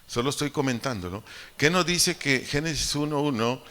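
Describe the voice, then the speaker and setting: A man with a Mexican accent preaching a sermon, slowly repeating his key phrases for emphasis. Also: mid-range voice, lively intonation, pushed and bright. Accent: Mexican Spanish. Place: church hall. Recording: reverberant church hall.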